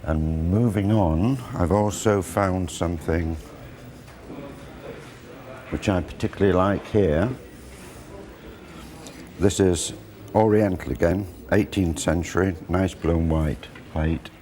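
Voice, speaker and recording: A man in his sixties talking informally to camera about antiques, chatty and unhurried, on a lapel mic in an auction room. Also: low-pitched, fairly even intonation, warm tone. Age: 60s. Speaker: antiques buyer and presenter. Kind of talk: informal explanatory talk to camera. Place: large indoor auction room. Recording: busy crowd murmur behind.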